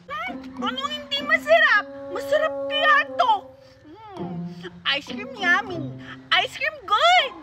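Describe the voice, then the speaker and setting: A woman voicing a bratty, fussy little girl who talks in a whiny, demanding, excitable way. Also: very high-pitched, slow pace, far from the mic, full character voice. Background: music.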